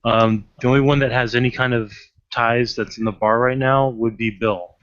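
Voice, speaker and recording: A man acting as game master, talking in a deliberate way and checking rules aloud. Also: medium pitch, fairly even intonation, fairly bright tone, dry recording, muffled recording. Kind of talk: narrating a tabletop game.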